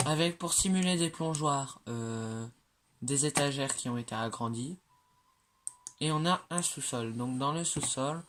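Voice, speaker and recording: A slightly bright, medium-pitched voice comes through with a little hiss or hum as a game creator walks through their own builds. The narration is casual and halting, loaded with fillers and self-corrections, and they chat along while joking about their own mistakes.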